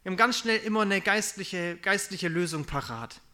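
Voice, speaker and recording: A young man preaching in a relaxed, conversational way, confessing his own failings and acting out what people say. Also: high-pitched, normal speed. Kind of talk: casual sermon.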